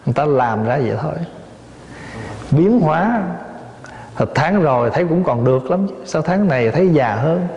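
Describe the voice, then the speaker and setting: A man's voice: fairly high pitch, lively intonation, normal speed, pauses often, a little mellow. Man giving a Buddhist dharma talk. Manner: plain storytelling with rhetorical questions and light humor. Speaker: Buddhist monk teaching dharma. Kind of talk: dharma talk to lay audience. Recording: echoey hall, dull lo-fi sound.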